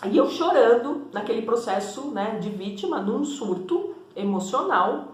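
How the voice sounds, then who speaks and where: A woman's voice: fairly high pitch, expressive, unhurried. A woman therapist giving a conversational, explanatory teaching talk, often checking in with tag questions. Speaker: energy and spiritual therapist. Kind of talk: teaching monologue to camera. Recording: echoey room.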